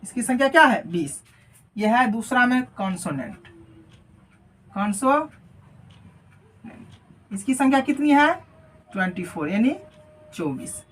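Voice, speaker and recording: A woman's voice: a little high, sing-song, a little slow, pauses often, soft background music. Woman teaching at a board. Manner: repeats key words and asks questions she answers herself; often adds a checking "right?" tag. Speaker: English teacher. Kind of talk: classroom lesson explaining phonetics. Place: teaching at a board she writes on and erases.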